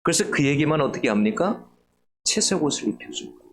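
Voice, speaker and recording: A middle-aged man preaching a sermon, telling a personal story earnestly and rising higher and louder to stress key points. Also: very animated, brisk. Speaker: pastor. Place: church sanctuary.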